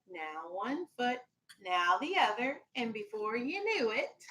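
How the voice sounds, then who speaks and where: With a slow, sing-song delivery and a sharp tone, a woman whose voice runs on the high side reads a children's storybook aloud. She is an elementary school teacher, talking to her class in a classroom with a firm, instructive manner.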